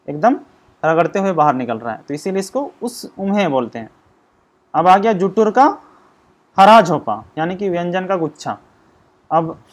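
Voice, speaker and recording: A man teaching an exam-prep grammar lesson, explaining slowly and sounding out syllables one by one. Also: high voice. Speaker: language teacher.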